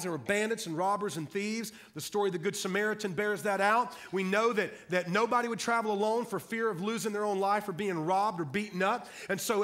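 A man's voice: sits high, fairly bright tone. A middle-aged man preaching an impassioned, fired-up sermon.

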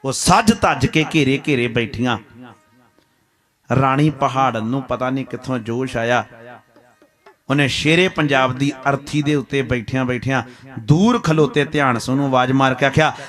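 A man's voice: mid-range voice, moderate pace, fairly bright tone, faint music behind. A man narrating a religious history story dramatically, repeating phrases for weight.

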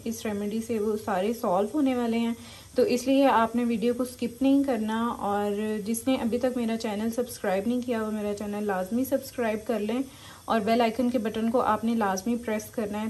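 A channel host shares home remedies from her kitchen, talking chattily and instructively into a handheld phone camera as she cooks at the stove, often saying "okay" and "come on." Her voice is a little high with a darkish tone, and the poor audio carries a slight hiss or hum over frying and sizzling.

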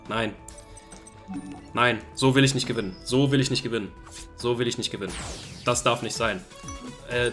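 A young man hosting a gaming video, giving excitable, exasperated commentary and repeating his phrases over and over. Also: mid-range voice. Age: young adult. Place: indoor gaming room on camera. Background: game music.

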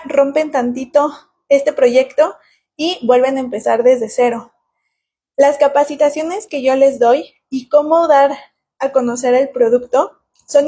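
A woman's voice: sits high, mellow, husky. A woman in her thirties with a Mexican accent, leading a sales team and explaining her method to the camera, recorded on a phone indoors. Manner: persuasive, explains step by step with hand gestures. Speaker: direct sales team leader. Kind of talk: casual direct-to-camera sales pitch. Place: small indoor room with tiled wall. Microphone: phone camera at arm's length.

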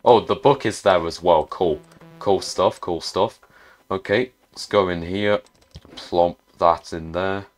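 A man's voice: low-pitched, fairly even intonation, slow pace. A man giving casual gameplay commentary as a gaming YouTuber, muttering hesitantly to himself with frequent restarts.

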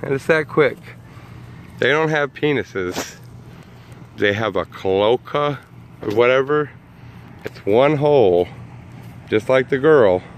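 A man's voice: medium pitch, lively intonation, takes it slowly, long pauses, a little hiss or hum. A man in casual home-video narration, chatting offhand outdoors in a backyard among his chickens. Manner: chatty, offhand, explains things plainly. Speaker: backyard chicken keeper filming his flock.

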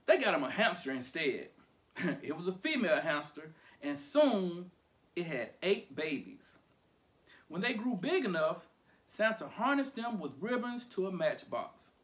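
A man reading a children's picture book aloud for storytime. His voice is high for a man and swings widely, full of playful lilt. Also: big pitch swings, a little slow, a bit bright.

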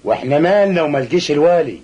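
An actor playing an indignant, protesting merchant with an Egyptian accent in a historical audio drama. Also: male voice, on the high side, lively intonation, rapid-fire, dark tone, lightly acted. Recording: dull, distant lo-fi sound.

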